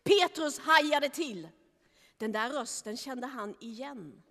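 A woman telling a Bible story to children in a lively, animated way, acting out the scenes. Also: sits high, big-room sound.

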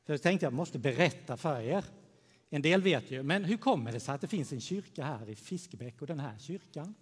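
A man preaching a gentle children's sermon in church, telling a story and speaking warmly to the children. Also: on the high side, expressive, breathy edge. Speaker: pastor. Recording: long church reverb.

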